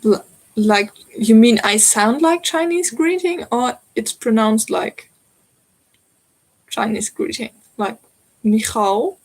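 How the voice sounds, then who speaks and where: Speaking slowly with lively intonation, this twenty-something woman has a slightly high voice and a German accent. She's hosting a crafting livestream from her home, chatty and giggly as she responds to comments from chat, over a rough-sounding recording.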